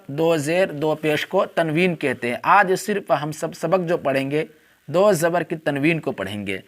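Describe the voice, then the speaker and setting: A man teaching a Quran reading lesson, explaining briskly and then spelling out letters one by one in slow, deliberate drills. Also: fairly high pitch.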